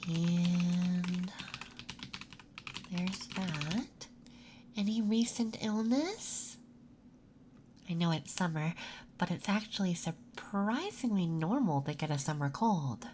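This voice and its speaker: Unhurried and soothing, a soft-spoken ASMR performer takes on the role of a gentle nurse conducting an intake. The voice sits at medium pitch, with a little hiss or hum in the recording.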